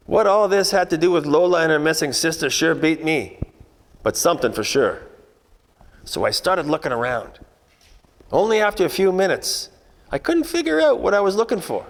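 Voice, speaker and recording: A man with a medium-pitched voice plays a wisecracking, world-weary private detective from the 1940s. He narrates a radio noir parody in a deadpan, hard-boiled style, with a long reverb tail on the sound.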